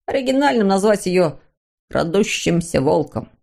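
A woman voicing a cautious young male wanderer in a storybook reading, calm and wary. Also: fairly low pitch, normal speed, gravelly.

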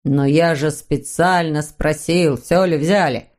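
A woman voicing a pompous, grumbling father troll in a storybook reading, in a lowered, authoritative manner. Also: animated, moderate pace, a little mellow.

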